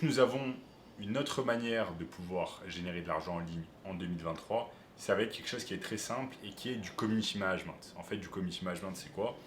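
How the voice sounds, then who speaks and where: A man's voice: deep voice, echoey room, slight background noise. A man who coaches online business, explaining step by step to viewers during a screen-share tutorial.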